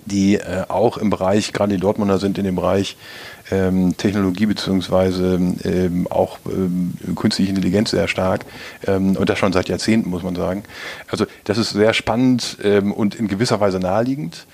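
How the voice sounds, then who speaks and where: A man in his fifties from East Westphalia, talking as an interview guest in a hesitant, measured way with many filler sounds. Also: low-pitched, level tone, creaky, a little mellow. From East Westphalia, Germany. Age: 50s. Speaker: interview guest, business executive. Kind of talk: casual interview talk.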